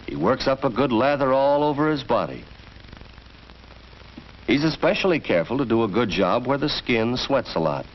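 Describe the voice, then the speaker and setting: An American man with a mid-range, expressive voice narrates a 1940s educational film from a script, speaking at a moderate pace in an instructive, storytelling way. The vintage soundtrack sounds dull and carries faint noise.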